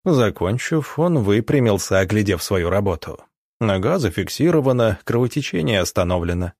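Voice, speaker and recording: A man narrating an audiobook in a steady, even storytelling manner. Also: fairly low pitch, normal speed, dry recording, studio quality. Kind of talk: scripted narration.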